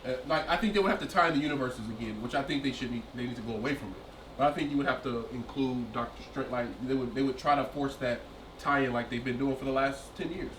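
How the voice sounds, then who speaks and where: A man's voice: medium pitch, fast, a bit bright. Man musing aloud in an echoey room. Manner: hesitant, thinks aloud with many fillers. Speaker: podcast co-host. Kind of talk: casual chat. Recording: echoey room, distant mic, faint noise.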